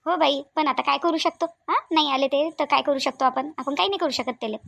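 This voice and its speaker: A motherly older village woman fusses in a Varhadi accent for a cartoon, her voice high and her talk quick. She coaxes and repeats herself over and over. The recording is close and dry. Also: vocal fry, fairly bright tone, no echo, exaggerated voice. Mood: comforting. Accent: Varhadi Marathi. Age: middle-aged. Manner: coaxing, fussing, repeats herself. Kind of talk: cartoon voice acting.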